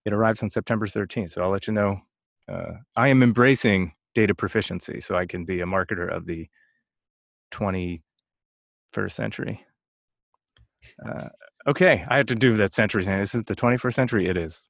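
A man's voice: on the low side, a little fast, vocal fry, long pauses, no echo, clean studio sound. A man in his late thirties co-hosting a podcast, rambling and joking as he thinks aloud in casual chat. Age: 30s. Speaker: podcast co-host.

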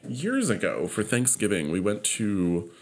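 Podcast host, male, from California; animated, swearing storyteller with a very expressive pitch. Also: measured pace. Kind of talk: casual chat.

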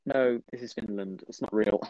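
A young man chats on his podcast with lively, animated energy, hopping from topic to topic. His voice sits dry and close on a slightly dull-sounding mic. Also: medium pitch, normal speed, no echo. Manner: animated, jumps between topics, mocking voices. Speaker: podcast host. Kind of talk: casual podcast chat.

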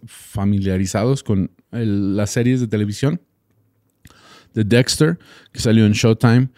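A man's voice: lowish voice, mellow, no echo, clean studio sound. A man from Texas with an American accent, a native English speaker, hosting a casual solo podcast and often hesitating as he searches for words. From Texas, United States. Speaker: podcast host.

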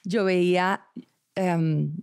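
A woman's voice: on the low side, fairly even intonation, darkish tone, smooth. A woman in her thirties with a Colombian accent, chatting casually as a podcast guest in a bubbly, self-mocking way. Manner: bubbly and self-mocking, quick, laughing often. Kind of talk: casual chat.

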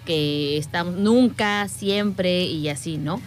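A woman co-hosting a show, talkative and animated as she tells a story. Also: lowish voice, takes it slowly. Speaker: co-host. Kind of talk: casual chat.

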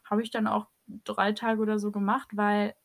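A young woman co-hosting a podcast, telling stories in lively, joking casual chat. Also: mid-range voice, normal speed, vocal fry. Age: young adult. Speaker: podcast co-host.

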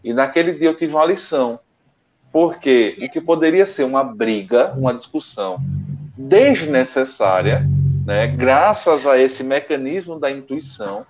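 A man's voice: mid-range voice, normal speed, soft background music. Man telling a story on a muffled call. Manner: relaxed, rambling, with many restarts. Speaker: co-host of an online study show. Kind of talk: casual storytelling and sign-off. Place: his home. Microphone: internet call. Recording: dull, lo-fi internet call audio.

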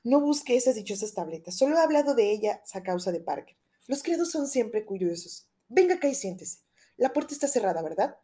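Reading an audiobook, a woman takes on the role of a nervous middle-aged gentleman confiding in hushed, urgent tones. Her delivery is sing-song and fairly quick.

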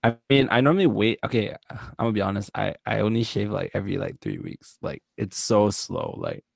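A young man chatting casually with friends, loose and slangy. His voice sits low with a gravelly fry. It is recorded dry and close. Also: big pitch swings, fairly quick, dry recording. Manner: laid-back, slangy, full of likes and mans. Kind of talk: casual group chat.

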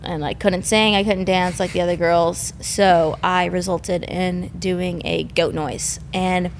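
A woman's voice: fairly low pitch, steady tone, measured pace, creaky, a little hiss or hum. A young woman guest in a casual podcast chat, giggly and rambling, full of fillers.

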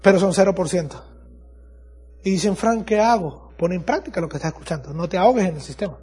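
A man's voice: high-pitched, fast, darkish tone, breathy edge, soft background music. A man giving a motivational business talk to an audience, repeating phrases for emphasis. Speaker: motivational speaker.

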